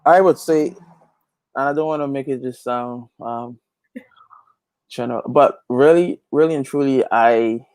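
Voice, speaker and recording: A gospel reggae singer and youth pastor from Guyana gives a conversational interview that turns into preaching-like testimony, earnest and emphatic, repeating phrases for emphasis. His medium-pitched voice is a little mellow and clean, a little slow with frequent pauses. The recording is rough, with no room sound.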